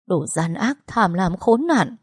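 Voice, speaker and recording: A woman voicing a grief-stricken young wife who shouts sharp, bitter accusations in a storybook reading. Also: medium pitch, lively intonation, takes it slowly, slightly rough, no room sound, clean studio sound. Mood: furious.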